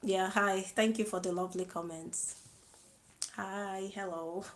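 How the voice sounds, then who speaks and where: A woman hosting her own live video, chatting slowly to viewers, greeting them and laughing softly. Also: medium pitch, steady tone, low-quality recording. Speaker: live-stream host. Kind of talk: casual live-stream chat to viewers.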